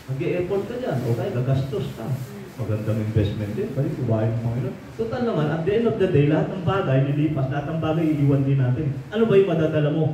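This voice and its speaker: A man's voice: a little high, warm tone. A male pastor preaching a sermon, often asking the congregation to agree and turning fervent when he rebukes. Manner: mixes English phrases into preaching, frequent rhetorical checks. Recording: very echoey hall, mic at a distance, faint room noise.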